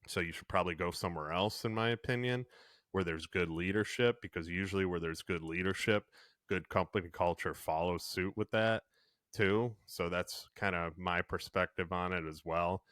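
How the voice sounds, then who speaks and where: A man's voice: low-pitched, normal speed, fairly bright tone, dry recording, clean studio sound. A man co-hosting a podcast who talks in an earnest, reflective way with loose fillers. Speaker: podcast co-host. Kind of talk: casual podcast chat.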